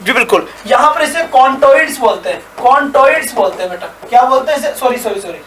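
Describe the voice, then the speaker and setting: A man's voice: extremely high pitch, animated, quick pace, a bit bright, a little hiss or hum. A male teacher giving a live online class. He repeats each point, asks questions and answers them himself, and praises his students often. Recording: echoey room, mic at a distance.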